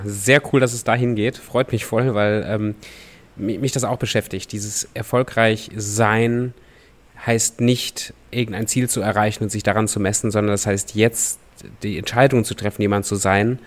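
A man's voice: on the low side, fairly even intonation, moderate pace. Enthusiastic casual podcast host, male. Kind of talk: podcast conversation.

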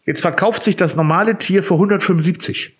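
A man's voice: high voice, a little fast. A man from Germany co-hosting a casual cooking podcast, explaining things step by step with lots of fillers. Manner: explains with figures, many fillers. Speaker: podcast co-host.

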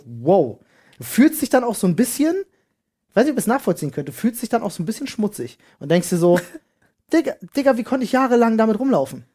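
Podcast co-host, male, husky voice, animated slangy storyteller. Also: high voice. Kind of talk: casual chat.

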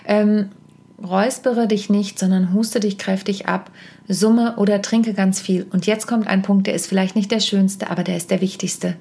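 A middle-aged woman hosts a casual advice podcast, speaking close to her microphone. Her mid-range voice carries a gravelly fry at times. She talks directly to the listener, chatty and self-correcting, with frequent asides. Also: medium pitch, steady tone, normal speed, a little mellow. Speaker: podcast host and stage coach.

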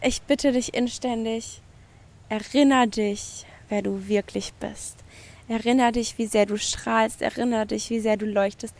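Woman podcaster, fryish gravelly voice, gushing spiritual pep talk, swears a lot. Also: a little high, fairly even intonation, unhurried, darkish tone. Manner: effusive, swears casually, mixes in English phrases. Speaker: podcast host. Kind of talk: spiritual motivational monologue. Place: outdoors by the sea at night.

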